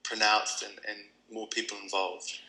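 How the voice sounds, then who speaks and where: A man's voice: on the low side, level tone, moderate pace, bright, forceful tone, a little hiss or hum, rough recording. A man from New Zealand with a New Zealand accent, answering interview questions thoughtfully, with many ums and restarts. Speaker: kirtan teacher.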